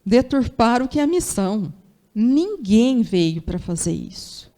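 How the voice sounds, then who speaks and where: A woman's voice: a little high, sing-song, a little slow, dark tone. A woman from Brazil with an interior São Paulo accent, giving a Sunday spiritual lecture in a chatty way, full of rhetorical questions. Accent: São Paulo interior Brazilian Portuguese.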